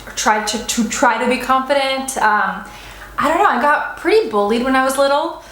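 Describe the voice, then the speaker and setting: A woman's voice: high-pitched, expressive, normal speed, fairly bright tone, roomy sound, slight background noise, low-quality recording. A young woman in her twenties, vlogging a casual mukbang chat in a restaurant, rambling with many fillers and restarts. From United States. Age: 20s. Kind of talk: casual mukbang chat, answering viewer assumptions.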